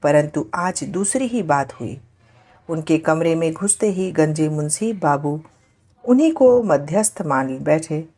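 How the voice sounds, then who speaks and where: A woman storyteller narrating a literary tale in a measured, formal way. Her voice sits a little low and she reads very slowly, giving each phrase room. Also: lively intonation, mellow.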